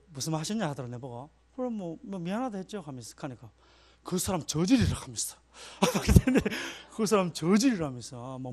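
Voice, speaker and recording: A man's voice: a little high, darkish tone. A male pastor giving a chatty sermon, telling personal stories and laughing at himself. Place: church.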